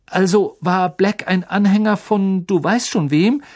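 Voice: medium pitch, measured pace, darkish tone, pitched above the performer's own voice, close to an everyday voice. Harry Potter, a nervous stammering teenage boy, read by an audiobook narrator. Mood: flustered. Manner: hasty, apologetic, stammering. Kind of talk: audiobook character voice.

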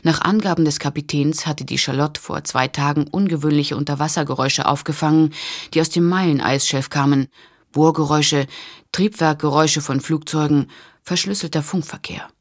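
A woman narrating an audiobook thriller in an even, measured reading voice. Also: deep voice. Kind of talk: scripted narration.

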